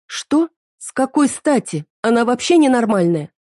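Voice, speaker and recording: A woman's voice: fairly high pitch, sing-song, moderate pace, no echo, clean studio sound, voice pushed up. A woman voicing a wife who sharply scolds her unfaithful husband. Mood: reproachful. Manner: sharp, reproachful. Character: stern wife, angry and hurt at her husband.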